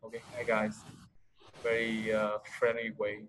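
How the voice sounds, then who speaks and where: A man's voice: lowish voice, completely flat delivery, a little slow, noisy background. A man with a Vietnamese accent tutoring English over a video call, switching between Vietnamese and English, patient and full of fillers. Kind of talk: online English lesson.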